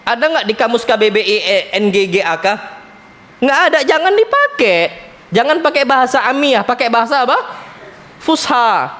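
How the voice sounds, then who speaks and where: A man teaching an Islamic study lecture, speaking in a lively way, often calling his listeners "Pak" and weaving in Arabic terms. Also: very high voice, moderate pace. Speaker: ustadz. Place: Islamic center lecture hall.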